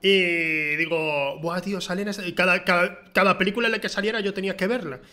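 Podcast co-host, man, animated storyteller, high and sharp. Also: fast. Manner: animated storyteller, acts out quotes. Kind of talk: casual chat about films.

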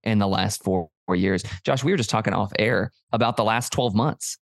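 A man talks in an earnest, reflective way as a podcast co-host. His voice sits low and has a gravelly rasp. The sound is dry and close. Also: normal speed, dry recording. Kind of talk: casual chat.

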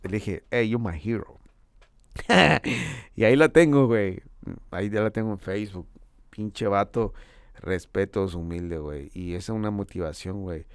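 A man's voice: on the low side, moderate pace, smooth, no echo, clean studio sound. A man delivering a casual, profane monologue. He talks in slang, swears freely, jokes and boasts, and laughs often. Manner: boastful and joking.

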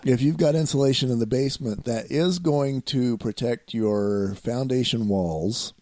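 A man's voice: mid-range voice, unhurried, darkish tone, no echo, clean studio sound. A man hosting a home podcast as a home inspector, explaining repairs in a wry, self-deprecating way. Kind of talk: casual chat.

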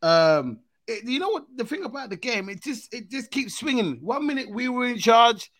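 Slangy London roadman host, bright forceful male voice. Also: very high-pitched, moderate pace, no echo, studio quality. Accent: London, urban street style. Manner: slangy, animated. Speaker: football talk show host. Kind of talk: casual banter with slangy London roadman talk.

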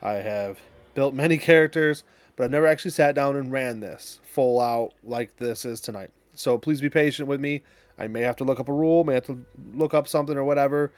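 A man's voice: medium pitch, a little fast, no echo. A man running a tabletop game, explaining the setting in a casual, rambling way with fillers. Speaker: game master.

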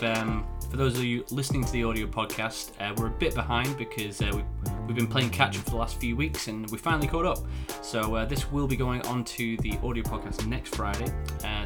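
A man hosting a live podcast interview, relaxed and hesitant with many fillers. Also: medium pitch. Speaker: podcast host. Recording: background music under voice.

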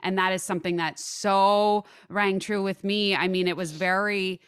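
A woman's voice: medium pitch, steady tone, fairly bright tone, clear, resonant tone, no room sound. Empathetic woman podcast host, dry sound. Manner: empathetic, quick agreeing interjections. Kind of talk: conversational interview.

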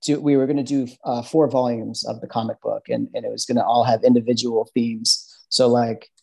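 A man's voice: mid-range voice, level tone, moderate pace, gravelly, a little mellow, breathy edge, rough recording. A man with a Midwestern American accent, a podcast guest talking in a loose, rambling way with lots of fillers and restarts. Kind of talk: casual interview chat.

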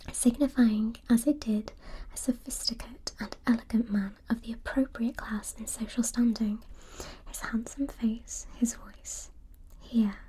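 A woman reading a novel aloud in a breathy, mostly unvoiced ASMR whisper. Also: on the high side, warm tone, a little hiss or hum, rough recording.

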